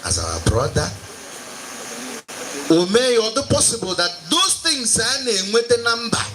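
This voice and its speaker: A man with a Nigerian Igbo accent emcees a live stage event, moving between Igbo and English in flashy announcer style. His voice is high with huge pitch swings, sharp in tone, at a normal speed. Soft music plays under the noisy live-event microphone sound.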